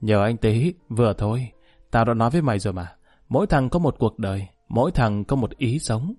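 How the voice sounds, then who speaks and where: A man voicing a proud, stubborn male gang boss who talks quickly and dismissively. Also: medium pitch, lively intonation, darkish tone, soft background music, lightly acted. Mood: defiant.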